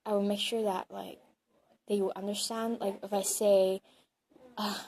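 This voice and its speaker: In a casual interview, a young bilingual student from Hong Kong, a native Cantonese speaker, talks a little slowly in a level, slightly mellow mid-range voice. She is chatty but unsure, filling her thinking-aloud with "like" and "um."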